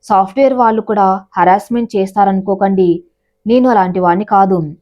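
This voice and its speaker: A woman's voice: medium pitch, fairly quick, dull audio, natural voice. A woman voicing a persistent young man who pleads melodramatically. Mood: pleading.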